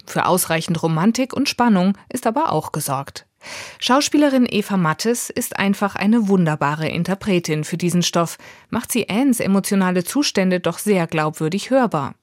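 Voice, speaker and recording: A woman's voice: medium pitch, darkish tone, dry recording, clean studio sound. Woman presenting a scripted book review.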